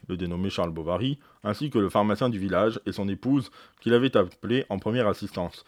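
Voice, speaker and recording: A man reading aloud as a proud, precise senior doctor, recounting events in a measured, explanatory way. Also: on the low side, darkish tone, dry recording, studio quality, close to an everyday voice. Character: eminent older male doctor, proud, precise.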